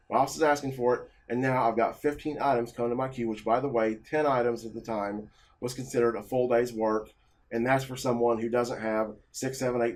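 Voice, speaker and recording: An agitated man recounting a work grievance in a mid-range voice. His talk is halting, full of restarts and repeated words. The delivery is casual and unscripted. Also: mid-range voice, darkish tone. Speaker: office analyst. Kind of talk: casual personal story.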